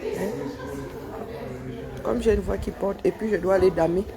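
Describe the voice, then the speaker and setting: A woman with a Cameroonian French accent speaks at a middle pitch in a gravelly, creaky voice. Her banter is loud and teasing, as if she is joking with coworkers. She films on a phone in a workplace break area, and colleagues chat clearly behind her. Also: steady tone, moderate pace, a crowd in the background. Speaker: vlogger filming coworkers. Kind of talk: casual workplace vlog chat. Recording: coworkers chatting in the background.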